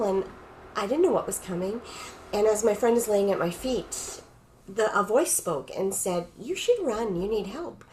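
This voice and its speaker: A woman's voice: mid-range voice, a little mellow, a little hiss or hum, rough recording. A middle-aged woman from Canada, a podcast guest telling a personal story vividly and acting out quoted dialogue.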